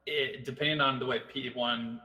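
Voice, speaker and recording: Bright-voiced excitable young man. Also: mid-range voice. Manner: excitable, quick to swear and tease. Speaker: podcast co-host and editor. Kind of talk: casual esports chat.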